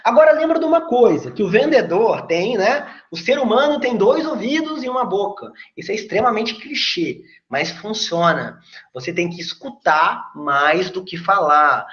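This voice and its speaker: A Brazilian man coaching on sales, his pitch rising and falling in a lively, animated way as he explains things step by step. He sounds chatty and persuasive. The recording is roomy and a bit dull and lo-fi. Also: moderate pace. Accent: Brazilian Portuguese. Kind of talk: casual video lesson. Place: seated indoors facing camera.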